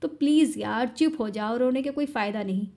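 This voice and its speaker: A woman reading as a cold, cruel young husband in a story, sneering sweetly in a high, bright voice, his tenderness only mockery, his taunts slow and deliberate. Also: lightly acted. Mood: mocking. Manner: sneering, mock-tender, then snapping angrily.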